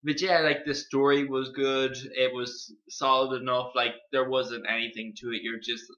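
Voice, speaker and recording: A man's voice: medium pitch, little pitch movement, normal speed, pushed and bright. A young man co-hosting a casual gaming podcast, talking plainly and loosely. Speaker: podcast co-host. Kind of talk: casual chat. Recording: muffled lo-fi mic.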